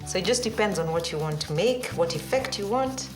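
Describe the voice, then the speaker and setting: A woman's voice: mid-range voice, animated, a little fast, roomy sound, over music. A woman presenting a craft demonstration to children in a simple, instructive way. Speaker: children's art segment presenter.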